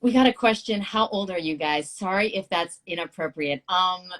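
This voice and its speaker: A woman in her thirties hosting a casual live-stream chat, excitable and quick to laugh, swearing casually. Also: lowish voice. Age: 30s. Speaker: show host.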